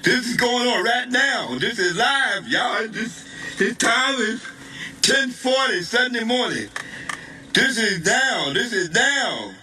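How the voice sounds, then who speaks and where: A shaken man pleads urgently into his phone outdoors, repeating himself over and over. His voice is very bright and edgy, heard slightly off the mic with faint street ambience. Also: very high-pitched, big pitch swings, slow, distant mic, a little hiss or hum, poor audio. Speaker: bystander filming a street scene. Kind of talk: urgent live phone report. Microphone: phone held in hand.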